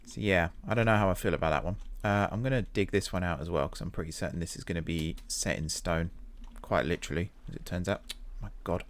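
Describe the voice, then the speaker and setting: A man's voice: sits low, fast. A man giving casual gameplay commentary, thinking aloud and a little self-deprecating. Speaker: gaming video host.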